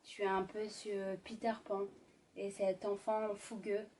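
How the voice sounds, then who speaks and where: A woman doing an ASMR role-play as a sultry, intimate ASMR narrator, speaking sensually to the listener with lingering pauses. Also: medium pitch, level tone, a little mellow, far from the mic, a little hiss or hum. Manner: slow, lingering delivery with deliberate pauses. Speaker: ASMR performer.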